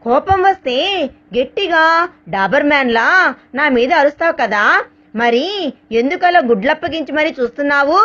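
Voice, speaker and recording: An angry, wounded young bride from a spoken romance story, pressing for answers in a pleading, accusing tone, as a woman narrator gives her voice. The voice is high. The audio is dull and lo-fi. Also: expressive, normal speed, pauses often, a bit bright.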